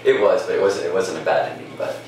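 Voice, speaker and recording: A very deep-voiced man rambles loosely through his answers, circling back with restarts and fillers. He sits far from the mic in a very echoey space with music playing behind. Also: steady tone, fast talker, a little mellow. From Denmark. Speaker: singer. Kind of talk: casual interview.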